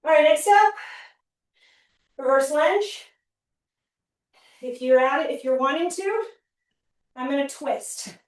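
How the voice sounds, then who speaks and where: A woman's voice: high-pitched, lively intonation, slow, long pauses. A woman fitness trainer leading a home workout class, counting reps and giving upbeat cues while she gets out of breath. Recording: very echoey room, mic at a distance.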